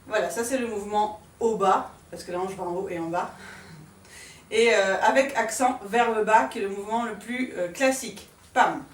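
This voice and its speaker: A woman dance teacher giving a calm step-by-step lesson, demonstrating moves and marking accents with short sounds like "pam". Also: medium pitch, a little hiss or hum. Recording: echoey room from far off.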